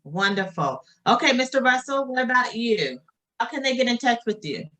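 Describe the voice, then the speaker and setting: A woman's voice: fairly high pitch, sing-song, normal speed, bright, forceful tone. Polite woman moderating a panel. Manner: polite, directing questions. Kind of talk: casual panel talk.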